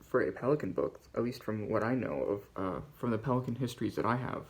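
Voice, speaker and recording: Halting Canadian man talking books. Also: fairly low pitch, expressive. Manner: halting, rambling delivery. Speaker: book channel host. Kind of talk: casual book-haul vlog.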